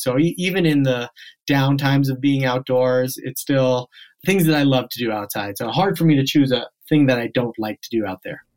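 A man's voice: medium pitch, darkish tone. A man in his thirties, born in South Africa and raised near Boston, answering interview questions earnestly with small restarts. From born in South Africa, grew up near Boston. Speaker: podcast guest, outdoor camp CEO.

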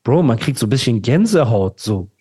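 A man co-hosting a podcast in casual chat, talking in an animated, slangy way and often calling his co-host "Bruder". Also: medium pitch, a little fast, slightly rough.

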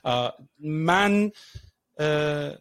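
A man with a noticeably high voice chats on a casual podcast. He tells his stories animatedly, slipping into quick impressions of other people. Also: no room sound. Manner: animated, storytelling with acted quotes. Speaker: podcast co-host.

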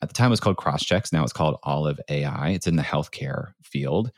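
Brisk and lively in intonation, this rumbling low-voiced man from the United States, a startup founder turned creator, shares his story as a podcast guest, saying "like" often. It's a casual interview, recorded dry at studio quality.

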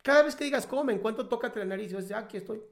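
A woman's voice: on the high side, very fast. A woman giving heartfelt life advice in casual conversation, emphatic and playful, acting out little quotes.

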